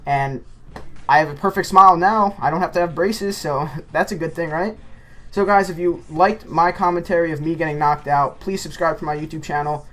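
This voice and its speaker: A man's voice: on the high side, normal speed. Rambling male gameplay commentator. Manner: rambling, animated anecdote-telling. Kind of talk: casual storytelling commentary.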